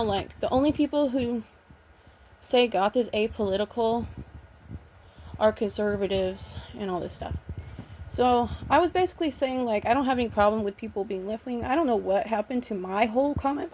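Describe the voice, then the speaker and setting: A woman's voice: fairly high pitch, brisk, a little mellow, a little hiss or hum. A woman vlogging in a casual, blunt rant, swearing freely and sounding nervous and shaky. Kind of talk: casual ranting vlog.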